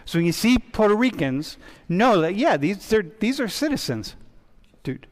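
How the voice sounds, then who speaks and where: A man teaching a university class as a relaxed, chatty professor who keeps breaking off and restarting. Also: sits high, normal speed. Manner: chatty, interrupts himself often. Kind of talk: casual classroom discussion. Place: large lecture hall. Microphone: wireless mic. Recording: reverberant lecture hall.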